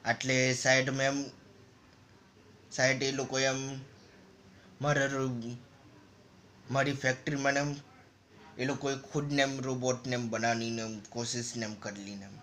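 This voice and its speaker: A man's voice: mid-range voice, little pitch movement, unhurried, long pauses, sharp tone, a little hiss or hum. A man casually narrating a story over a game, in loose, rambling and repetitive phrases. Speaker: gaming channel narrator.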